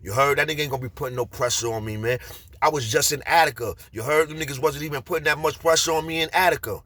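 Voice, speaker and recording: A man's voice: on the high side, quick pace, a bit bright, no echo. A man with a Bronx accent telling a street story casually, rambling with slang and frequent fillers. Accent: New York Bronx.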